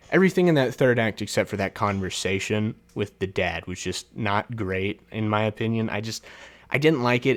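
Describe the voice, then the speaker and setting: A man's voice: on the low side, a bit bright. Chatty laughing male film reviewer. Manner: chatty, laughs often, many fillers and restarts. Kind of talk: casual solo film review.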